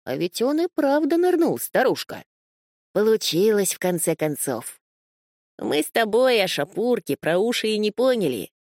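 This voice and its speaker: A woman voicing a gruff, fussy male beaver who scolds and grumbles. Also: mid-range voice, very animated, normal speed, darkish tone, dry recording, studio quality, voice pushed up, natural voice.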